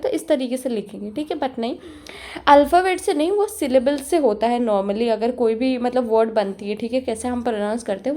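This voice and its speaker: A young woman tutor explaining a lesson in Hindi, mixing in English terms and often checking in with a quick "okay". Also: high voice, warm tone. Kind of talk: explanatory exam-prep lesson.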